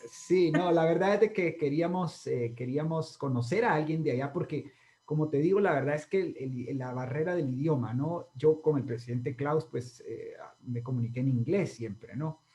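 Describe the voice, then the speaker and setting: A channel host with a Guatemalan accent interviews a guest casually, rambling with lots of fillers and tag questions. His voice is on the high side with a dark tone, and he speaks at normal speed.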